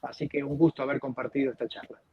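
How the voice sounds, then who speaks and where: A man with an Argentine Spanish accent, a doctor who specializes in aging, answering interview questions in an emphatic, expressive storytelling manner. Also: mid-range voice, fast talker, lo-fi sound, background noise.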